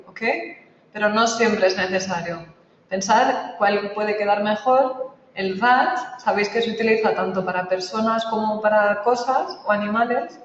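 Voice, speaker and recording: A man's voice: sits high, a bit bright, a little hiss or hum. A man teaching an English grammar lesson, explaining step by step and checking in with a frequent "ok?". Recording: echoey, dull, distant lo-fi room recording.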